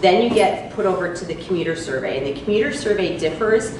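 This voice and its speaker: Heard from a distance in an echoey, noisy church hall, a woman leads a public housing meeting and takes the group through a survey. She explains things with plenty of fillers, speaking quickly at medium pitch with lively intonation.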